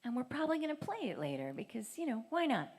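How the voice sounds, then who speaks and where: A woman's voice: sits high, very animated, quick pace, darkish tone, breathy edge. A woman singer-songwriter talking as a guest in a live radio session, playful and at times whispery. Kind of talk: live radio performance and interview. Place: radio station live music stage.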